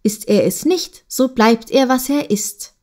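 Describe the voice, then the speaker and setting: A woman's voice: high voice, a little slow, darkish tone, pitched above the performer's own voice. Woman playing a sly scheming goose sister.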